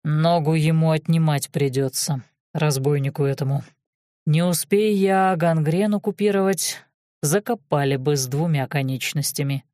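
A woman voicing a stern, sardonic male chief investigator and sorcerer in an audiobook, speaking curtly in a lowered voice. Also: slow pace, hardly any pauses, husky, no room sound, clean studio sound, full character voice. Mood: grim. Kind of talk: audiobook character voice.

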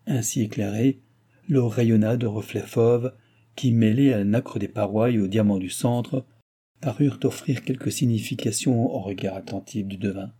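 A man narrating a classic novel in a measured, literary reading. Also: fairly low pitch, mellow, slightly rough. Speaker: audiobook narrator.

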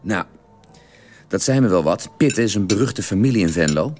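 A man in a radio drama telling a long, detailed story at the dinner table in a measured, drily precise way. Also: lowish voice, lively intonation, darkish tone, slight background noise, natural voice. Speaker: character telling an anecdote at a family dinner.

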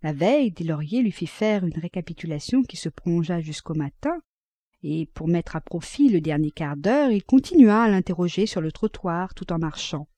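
A woman narrating a classic novel as an audiobook, reading at a measured, even pace. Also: on the low side, no echo.

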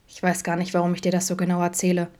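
Teasing chatty man as read by a woman, lowish voice, audiobook reading. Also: monotone, very fast, darkish tone, close to an everyday voice. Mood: wistful. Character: adult man, camp cook, open and teasing.

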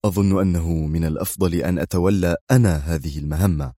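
A man's voice: low voice, fast talker, dark tone, dry recording, clean studio sound. A man reading the part of a harsh, defiant male army colonel in a storybook reading. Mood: severe, defiant. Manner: severe, clipped.

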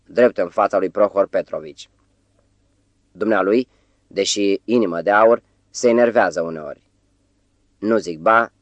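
A man's voice: fairly low pitch, no room sound, natural voice. A man voicing a tearful, frantic young female secretary, pleading and sobbing.

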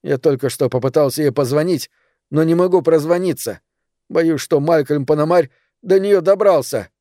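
A man playing a frightened male writer, pleading, miserable, mellow voice. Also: a little high, moderate pace, no echo, clean studio sound, pitched above the performer's own voice, lightly acted. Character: frightened, self-pitying male horror writer in hiding.

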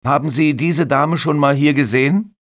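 A man's voice: a little high, moderate pace, voice pushed up, close to an everyday voice. A man voicing a dry, persistent male private detective asking terse questions. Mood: questioning.

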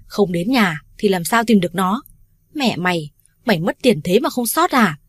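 A woman's voice: medium pitch, expressive, moderate pace, breathy edge, dry recording. Woman doing a brash foul-mouthed older friend. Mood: angry. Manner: loud, bossy, swears freely.

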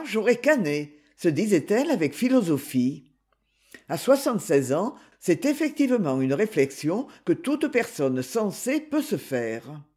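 A man reading a novel aloud as narrator, in an expressive literary manner. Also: high voice, slightly rough. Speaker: audiobook narrator. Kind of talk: scripted narration.

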